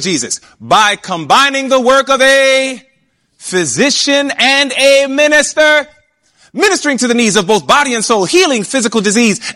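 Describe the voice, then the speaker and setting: A man preaching a sermon, emphatic, often asking his listeners questions and slowing down to stretch key words. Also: high voice, sharp tone. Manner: emphatic, asks the audience questions.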